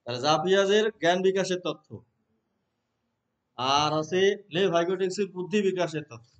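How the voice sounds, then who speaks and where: A Bangladeshi man teaching a class of trainee teachers, explaining terms, reading English definitions slowly and asking the room questions. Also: high voice. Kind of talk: classroom lecture.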